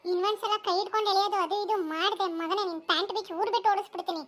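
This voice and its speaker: A woman voicing a fiery, sharp-tongued young village woman in a cartoon, scolding hard. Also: very high voice, fairly even intonation, very fast, heavy background noise. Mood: furious. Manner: scolding, abusive outbursts. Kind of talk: cartoon voice acting.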